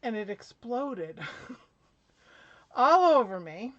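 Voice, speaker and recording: A woman's voice: a little high, sing-song, a bit bright, no echo. Breathless woman hosting a craft demo. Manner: chatty, laughing, with filler pauses. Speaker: craft demonstrator. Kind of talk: live product demo. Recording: dull lo-fi live stream audio.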